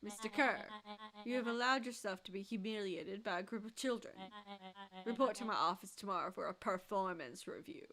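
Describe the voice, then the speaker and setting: A woman's voice: mid-range voice, a little fast, sharp tone, soft background music. Woman putting on a pompous villain, monologuing theatrically. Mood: condescending. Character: pompous, condescending male villain in a child's body, monologuing. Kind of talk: character voice read for a video game.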